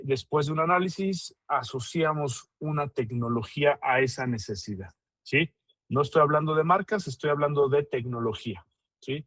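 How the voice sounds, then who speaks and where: A man, an IT consultant presenting his firm in a webinar, halting with many fillers. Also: a little high, no room sound.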